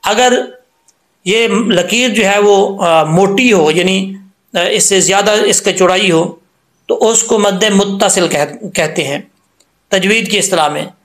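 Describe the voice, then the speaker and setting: A man teaching Quran recitation rules, patiently drilling syllables slowly and repeating each sound. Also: high voice, a bit bright, echoey room. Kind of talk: tajweed lesson explaining letter sounds.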